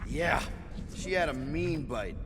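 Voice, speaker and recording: A high-voiced, wisecracking outlaw leader. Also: male voice, expressive, takes it slowly, background noise. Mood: joking. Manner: casual, glib, joking. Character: wisecracking, laid-back young male leader of space outlaws. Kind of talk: video game voice acting.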